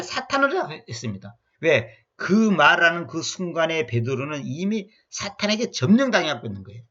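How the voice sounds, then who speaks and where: A man giving an expository Bible lecture in an emphatic way, repeating words and acting out quotes with sudden jumps in pitch. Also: fairly bright tone, slightly rough, muffled recording. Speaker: Bible teacher.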